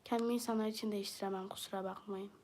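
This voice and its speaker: A woman's voice: medium pitch, fairly even intonation, rapid-fire, darkish tone, a little hiss or hum. A woman from southeastern Turkey with a southeastern Turkish accent, chatting casually on a livestream and bluntly answering viewer comments.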